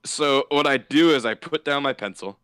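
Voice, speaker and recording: A young man casually telling school stories on a podcast, animated and laughing at his own tales. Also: medium pitch, normal speed, clear, resonant tone, dry recording. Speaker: podcast host. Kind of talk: casual storytelling.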